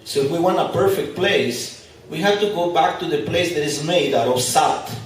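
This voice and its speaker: In a very echoey expo hall, a non-native English speaker gives a live spiritual lecture that's casual and lightly humorous, standing far from the microphone. His voice is a little high at a moderate pace, with a little hiss or hum.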